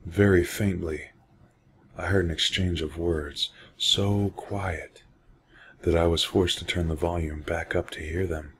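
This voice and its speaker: A man narrating a scripted horror story in a measured, unhurried reading. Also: deep voice, fairly even intonation, a little hiss or hum. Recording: music bed under the voice. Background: music playing under the voice.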